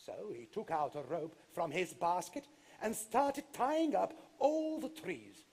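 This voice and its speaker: High, lively, gravelly male storyteller. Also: slow pace. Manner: dramatic, animated narration. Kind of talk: live folktale storytelling. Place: stage in a large concert hall. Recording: live stage with music.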